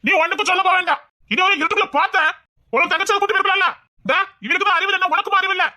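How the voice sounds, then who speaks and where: A woman's voice: medium pitch, expressive, very fast, fairly bright tone. A woman playing a bossy, protective elder relative who scolds sharply, speaking in a family drama. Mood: scolding. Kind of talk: home-made family drama acting.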